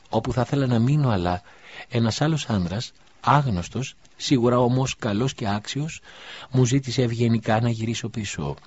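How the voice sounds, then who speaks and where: A man doing a frail young boy, high and urgent. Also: a little mellow, slight background noise, lightly acted. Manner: high, urgent childlike pleading. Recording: dull lo-fi recording.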